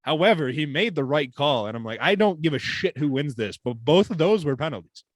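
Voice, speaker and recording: Young man from Canada, podcast co-host, casual and animated, pitch jumping around, dry close sound. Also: a little fast, no room sound. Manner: animated storytelling, swearing, lively pitch swings. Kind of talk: casual chat.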